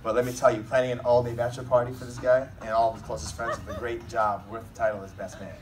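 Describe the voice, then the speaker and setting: A man's voice: medium pitch, flat delivery, fast talker. A man delivering a comedic best man's wedding speech in a joking, teasing, informal manner. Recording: distant mic, noisy room recording.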